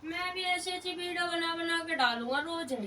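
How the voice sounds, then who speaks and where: A woman, a family member off camera, giving short, quiet answers. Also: extremely high pitch, normal speed. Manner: brief quiet replies.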